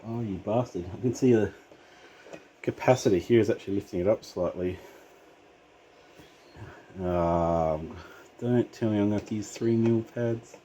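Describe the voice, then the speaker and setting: A man's voice: fairly low pitch, normal speed, pauses often, dark tone, highs cut off, a little hiss or hum. A man with an Australian accent giving casual hands-on workshop commentary like a laid-back tradesman, muttering to himself as he works. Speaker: vlogger doing a DIY hardware modification. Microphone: handheld camera.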